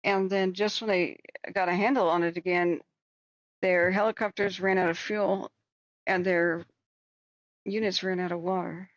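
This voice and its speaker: A woman's voice: fairly low pitch, fairly even intonation, unhurried, no room sound, dull audio. A woman hosting a live stream, giving informal, rambling commentary in a conversational way. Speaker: live stream host tracking wildfires.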